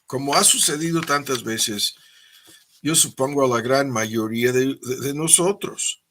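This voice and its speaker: A man's voice: mid-range voice, a little slow, a bit bright. A middle-aged man preaching a teaching sermon, repeating words and often tagging "¿no?" onto his points. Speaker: pastor.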